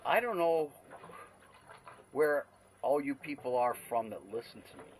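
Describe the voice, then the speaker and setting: A man's voice: mid-range voice, expressive, measured pace, a little hiss or hum, rough recording. A man telling casual, rambling stories with many fillers. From Canada. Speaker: podcast host. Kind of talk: casual storytelling.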